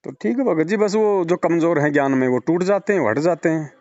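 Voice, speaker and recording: On a dull, lo-fi phone call, a religious devotee argues persuasively with a follower, firing off rhetorical questions and repeating words for emphasis. His voice is on the high side, brisk and darkish, and the recording is dry.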